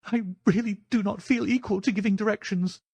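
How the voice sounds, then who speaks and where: A man voicing a timid, feeble, fearful gentleman in an audiobook, fretful and helpless in manner. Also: sits high, very animated, normal speed, husky, no room sound, pitched above the performer's own voice, full character voice. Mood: pleading. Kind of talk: audiobook character voice.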